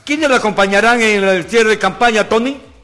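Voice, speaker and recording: A male radio host with a fairly high voice asks a candidate short, direct questions. Faint music sits behind him. Between questions he offers quick murmurs of agreement. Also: sharp tone. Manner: brief prompting questions and backchannels. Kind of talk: radio interview.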